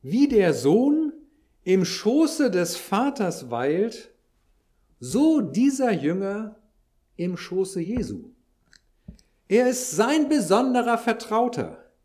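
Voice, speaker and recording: Slow, lively-voiced male preacher. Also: high voice. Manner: explanatory, with dry asides. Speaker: pastor. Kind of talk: sermon.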